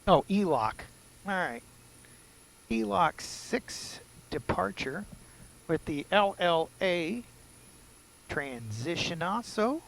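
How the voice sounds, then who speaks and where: Creaky, slow-talking man narrating flight simulation. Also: sits high, big pitch swings, a bit bright, slight background noise, poor audio. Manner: self-deprecating, muttering to himself. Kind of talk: casual commentary while doing cockpit setup.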